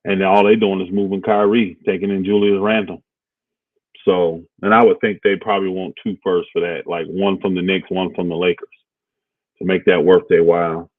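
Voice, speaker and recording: Low voiced guy rambling about hoops trades, lots of ums, dry tinny phone sound. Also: little pitch movement, normal speed, no echo. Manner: laid-back, rambling, thinks aloud with fillers. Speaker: co-host of a basketball talk stream. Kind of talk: casual sports talk livestream.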